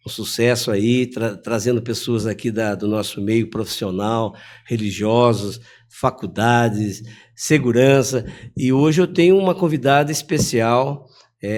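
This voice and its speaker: A Brazilian man hosting a casual interview show, giving short encouraging replies. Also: mid-range voice. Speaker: host.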